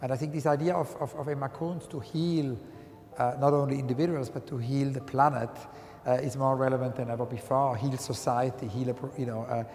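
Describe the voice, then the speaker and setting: A man from Switzerland speaking earnestly in a documentary interview, often pausing and restarting to find his words. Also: medium pitch, fairly even intonation, darkish tone. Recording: long hall reverb, faint music.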